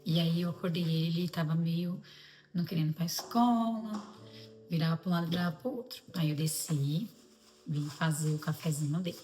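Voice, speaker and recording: Mulher de voz grave contando um caso de família. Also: female voice, lowish voice, darkish tone. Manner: conversational storytelling, often acting out her own and her son's words. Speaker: mother telling a personal story. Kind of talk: casual testimony.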